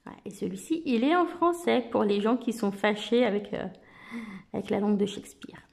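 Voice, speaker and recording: Chatty woman with a gravelly edge. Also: medium pitch, fairly quick. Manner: relaxed, chatty, many filler words. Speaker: vlogger reviewing oracle card decks. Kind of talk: casual chat to camera.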